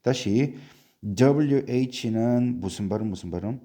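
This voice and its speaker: A man's voice: mid-range voice, takes it slowly, dark tone. A man teaching English spelling and sounds in a lesson, drilling learners with repeated questions and answers in a Korean accent.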